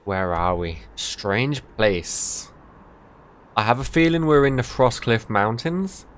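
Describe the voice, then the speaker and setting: A man's voice: mid-range voice, expressive, takes it slowly. A man hosting a let's play, giving casual commentary as he explores a game.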